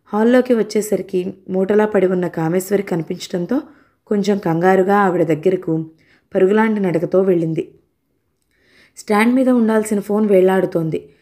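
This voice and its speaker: A woman narrating an audio novel in a calm, measured reading voice. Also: mid-range voice. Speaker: storyteller.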